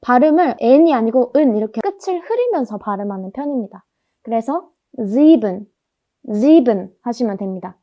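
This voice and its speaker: Woman, language teacher, slightly high voice, patient repetition drills, dull lo-fi audio. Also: animated, normal speed. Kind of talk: explanatory language lesson.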